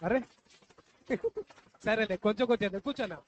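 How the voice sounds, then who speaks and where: Speaking fairly quickly in a mid-range voice, a puppet show host coaxes a live audience of children and asks questions again and again. Faint noise sits under the dull, lo-fi live recording.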